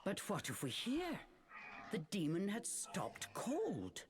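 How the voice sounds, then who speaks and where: A woman narrating a storybook game tale in a slow, measured, dramatic way. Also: medium pitch, huge pitch swings, noisy background. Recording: game audio with music behind. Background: music.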